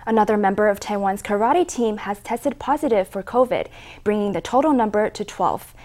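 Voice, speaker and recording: A woman's voice: medium pitch, animated, normal speed, darkish tone. Woman presenting scripted news.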